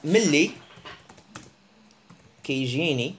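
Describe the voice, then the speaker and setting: A man giving a casual, joking online language lesson, teasing his viewers and breaking into animated bursts. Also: measured pace. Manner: joking, animated, teasing, with sudden pitch jumps. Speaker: language teacher.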